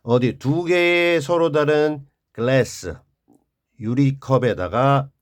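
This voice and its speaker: A man teaching an English vocabulary lesson, reading each word and then explaining its meaning and stress. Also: mid-range voice. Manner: slow and drawn out, explaining stress and word forms.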